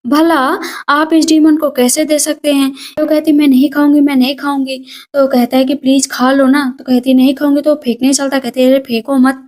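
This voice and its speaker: A woman narrating a drama's plot in a quick, lively retelling, slipping characters' lines into her narration. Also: high voice. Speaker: movie recap narrator. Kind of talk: storytelling plot recap.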